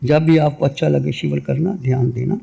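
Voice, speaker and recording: A man giving a religious sermon and a guided meditation, speaking in a measured way and repeating short phrases. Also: fairly high pitch, fairly even intonation, gravelly, dark tone, a little hiss or hum. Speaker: Jain monk giving a discourse.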